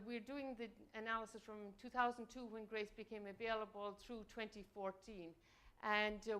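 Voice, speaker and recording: A woman's voice: fairly high pitch, a bit bright, clear, resonant tone. A middle-aged woman giving an academic presentation, talking hesitantly with many fillers. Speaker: invited speaker.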